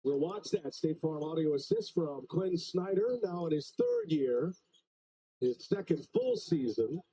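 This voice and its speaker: A man calling live basketball play-by-play, reading out stats between plays in a brisk way. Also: on the high side, big pitch swings, warm tone, husky, rough recording. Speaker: play-by-play commentator.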